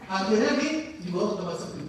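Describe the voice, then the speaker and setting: A high-pitched man leads an informal religious study circle, often halting mid-sentence to search for words, then shifting into animated voices for the people in his stories. He is recorded from a distance in a booming, echoey mosque hall, with a faint hiss underneath.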